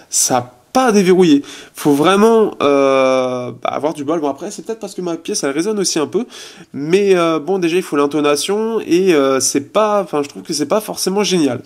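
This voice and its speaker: Reviewing a phone in his resonant apartment, a tech reviewer talks casually in a fairly high, slightly mellow voice. He's chatty, leans on lots of fillers, and trails off while trying out features.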